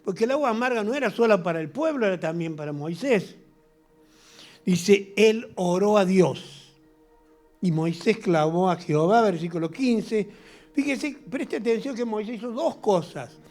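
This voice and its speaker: A middle-aged man with an Argentine accent, preaching a sermon as pastor in an animated, humorous way that acts out little scenes. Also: high-pitched, moderate pace, faint music behind. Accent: Argentine Spanish.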